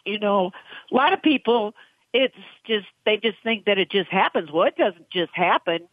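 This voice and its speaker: A woman's voice: normal speed, no room sound. A woman racehorse trainer in a phone interview, talking in an emotional, rambling way. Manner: emotional, rambling, voice jumps high when excited. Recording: tinny dry phone line.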